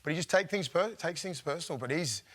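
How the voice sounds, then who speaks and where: A man, a former player, telling rambling, animated stories in casual chat and laughing often. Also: a little high, fast talker.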